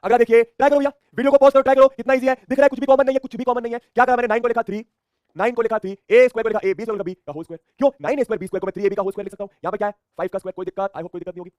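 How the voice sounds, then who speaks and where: A man's voice: extremely high pitch, steady tone, rapid-fire, a little mellow, clean tone, no echo, clean studio sound. A man teaching a math lesson online with energy, often repeating himself and answering his own questions in a student's voice.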